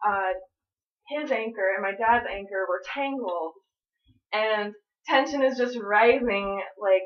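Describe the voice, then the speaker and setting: A woman's voice: mid-range voice, takes it slowly. A woman in a mid-range voice tells a casual story, wandering through fillers and restarts. She is heard from some distance in an echoey room. The recording is dull and lo-fi. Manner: rambling, many fillers and restarts.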